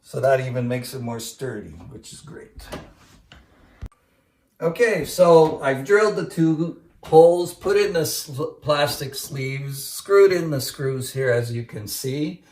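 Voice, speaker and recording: A man walks through a home repair in an easygoing, step-by-step way, now and then restarting a phrase. His voice sits at an ordinary middle pitch. It is picked up from some distance in an echoey living room. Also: measured pace, hardly any pauses, darkish tone. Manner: plain, easygoing step-by-step explaining with small restarts. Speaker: DIY home video host. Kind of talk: casual how-to narration.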